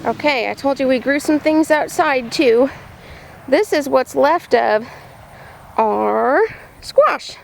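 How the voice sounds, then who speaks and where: This farmer leads young children around her tunnels and outdoor vegetable beds, cheerfully explaining things in easy language. She speaks slowly in a high-pitched, creaky voice with lively intonation and long pauses, over slight background noise.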